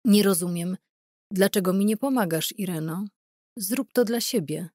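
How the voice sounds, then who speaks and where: A woman's voice: medium pitch, moderate pace, dark tone, dry recording, clean studio sound, lightly acted. Cold, coaxing male interrogator, read by a woman. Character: male German interrogator, coldly persuasive. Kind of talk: audiobook character reading.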